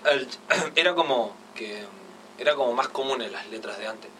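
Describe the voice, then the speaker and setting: A young man with an Argentine accent, chatting excitedly and casually, full of slang and fillers. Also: mid-range voice. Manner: fast, excited, heavy slang, constant fillers. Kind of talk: casual chat. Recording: distant mic with faint noise.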